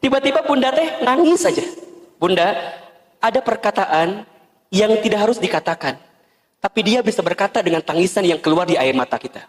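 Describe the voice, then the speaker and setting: A man's voice: high-pitched, a little fast. A man with a Sundanese accent preaching a sermon, telling stories and acting out dialogues. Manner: animated storytelling, acting out dialogues. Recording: echoey hall with long reverb.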